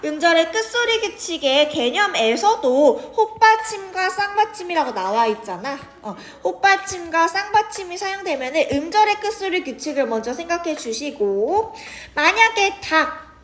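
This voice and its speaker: A woman's voice: very high-pitched, very animated, moderate pace, fairly bright tone. A young woman teaching a grammar lesson, chatty and checking in with her students often.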